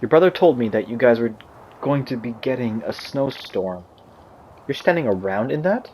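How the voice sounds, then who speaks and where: A man reading game dialogue aloud as a sarcastic mother talking to her daughter on the phone, quiet and teasing. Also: medium pitch, expressive, moderate pace, a little hiss or hum, close to an everyday voice.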